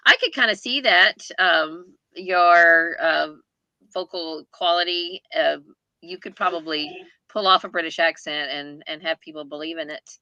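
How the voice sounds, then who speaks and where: Hosting a book chat livestream on a group video call indoors, a woman reads viewer comments in a chatty, playfully teasing way. Her voice is lowish, bright and forceful, with no echo but dull audio.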